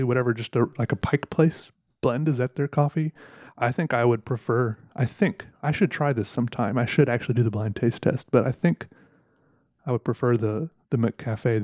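A man's voice: medium pitch, a little mellow, no room sound. Guy rambling into his mic, lots of restarts, kinda wry, dead dry room. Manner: rambling, self-correcting, wry. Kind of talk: casual solo chat. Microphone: close microphone.

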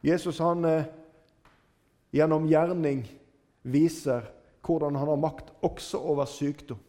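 A man preaching a sermon, retelling stories with dramatic rises and falls in his voice. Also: fairly even intonation. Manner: dramatic retelling with wide swings in pitch and loudness.

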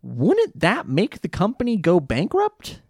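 A man co-hosting a casual podcast chat, easygoing and quick to laugh. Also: sits high, huge pitch swings, a little mellow, slightly rough, dry recording, clean studio sound. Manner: giggly and easygoing, laughs often. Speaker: podcast co-host.

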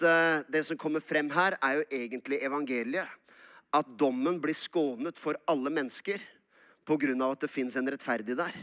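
A male pastor with an Eastern Norwegian accent delivers a sermon full of jokes and anecdotes. His voice sits fairly high and sounds bright and forceful. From Norway, Oslo area. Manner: humorous, storytelling, animated.

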